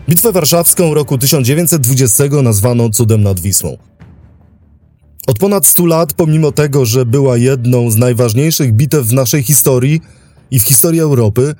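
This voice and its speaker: Narrating a scripted history documentary for his podcast, a man speaks with measured, dramatic storytelling flair. The voice is mid-range and mellow.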